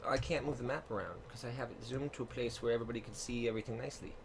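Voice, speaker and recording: A man co-hosting a casual live stream, halting with fillers, his microphone crackling and cutting out. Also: medium pitch, steady tone, vocal fry. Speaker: co-host building a fantasy world.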